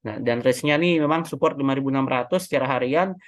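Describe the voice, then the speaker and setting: Seorang pria Indonesia membahas analisis teknikal saham dengan santai, sering mengoreksi angka dan memakai banyak kata pengisi. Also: male voice, medium pitch, quick pace, no echo. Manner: chatty, self-correcting, many fillers. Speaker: stock market analyst. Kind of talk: casual technical analysis walkthrough.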